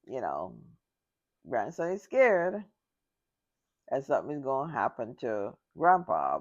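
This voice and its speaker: A woman vlogger unhurriedly tells a family story, speaking very slowly and repeating her key phrases. Her pitch moves a lot as she goes. The recording sounds dull and lo-fi. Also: a little mellow. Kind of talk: casual storytelling.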